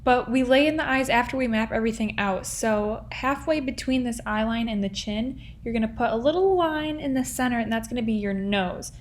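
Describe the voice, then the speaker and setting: A woman's voice: on the high side, fairly quick, few pauses, slight background noise. A young woman hosting a casual step-by-step drawing lesson, chatty and playful, with lots of "like" and "um". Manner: chatty and playful, many fillers like "like" and "um". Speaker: drawing tutorial host.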